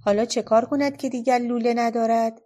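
Brief: bold playful young girl for a storybook, read by a woman, lively, bossy, bright and high. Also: lightly acted. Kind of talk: storybook reading.

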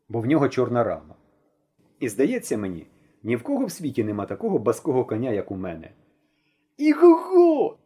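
A man with a Ukrainian accent narrating a children's audiobook in the first person, with an expressive, animated delivery. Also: on the high side, breathy edge.

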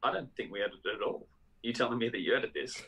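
A man's voice: medium pitch, racing, a bit bright, breathy edge. A man co-hosting a podcast, throwing in dry teasing quips. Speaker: podcast co-host. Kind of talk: casual chat.

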